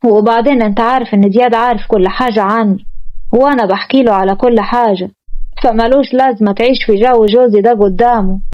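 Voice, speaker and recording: A woman playing a sharp-tongued Egyptian bride. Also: fairly high pitch, fairly even intonation, lightly acted. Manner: quick, sassy retorts. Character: defiant young bride, sharp-tongued and stubborn. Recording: muffled lo-fi recording.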